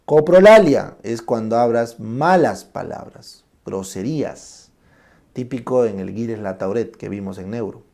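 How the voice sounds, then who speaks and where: A man giving a classroom lecture on medical terms. He explains each term slowly and keeps checking in with short tag questions. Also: lowish voice, animated, creaky, warm tone. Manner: explains terms slowly, then shows them aloud.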